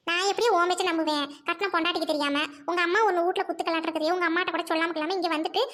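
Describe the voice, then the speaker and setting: Cheeky village wife played by a woman, rattles off quarrels in a very high voice. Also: fairly even intonation, fairly bright tone. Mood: complaining. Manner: quick, chattering, teasing and quarrelsome. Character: young married village woman, gossipy and cheeky. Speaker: village wife in a comedy skit. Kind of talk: village comedy drama.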